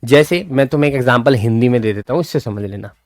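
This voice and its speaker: A man's voice: medium pitch, fast talker, dry recording, clean studio sound. A man teaching English grammar in a live online class, repeating key points and coaxing his students along.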